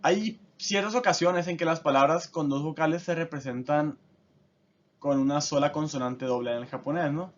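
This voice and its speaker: A man's voice: a little high, moderate pace. A man teaching a casual lesson, explaining step by step and often checking in with his listeners. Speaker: language teacher. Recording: dull lo-fi audio.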